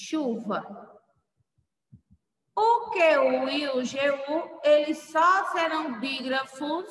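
Slow, patient woman teacher in echoey room. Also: high voice, fairly bright tone. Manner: slow, patient, spells out letters. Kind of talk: explaining a lesson to children. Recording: echoey room, mic far off.

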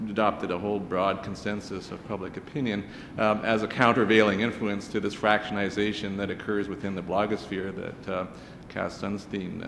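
A man with a low, flat voice asks a long academic question, full of fillers. He speaks at a stand mic in a big hall, with a long echo and a faint rumble behind. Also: creaky. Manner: academic, wordy, many fillers. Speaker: audience member asking a question. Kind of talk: audience question at a panel. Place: large lecture hall. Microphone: stand microphone.

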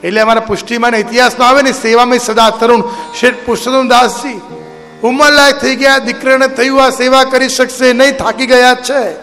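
A man's voice: extremely high pitch, flat delivery, fairly quick, pushed and bright. A man giving a devotional discourse, exhorting his listeners with rhetorical questions. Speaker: religious speaker. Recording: reverberant hall with instrumental music.

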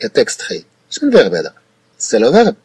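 Husky Moroccan man explaining patiently. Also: mid-range voice, wildly swooping pitch, racing, a little mellow, no room sound. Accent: Moroccan Arabic. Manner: patient, repeats points and checks understanding. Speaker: French teacher. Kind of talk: explanatory tutoring lesson.

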